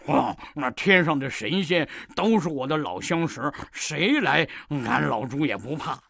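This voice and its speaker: A greedy, clumsy male pig demon brags in a storybook tale, as a storyteller acts him out. His voice swings widely and grows loud, then breaks into nervous stammers. The dry, close sound keeps every huff near. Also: mid-range voice, expressive, unhurried, vocal fry, no room sound, voice pushed down, heavily acted. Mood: blustering. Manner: blustering, stammers when scared.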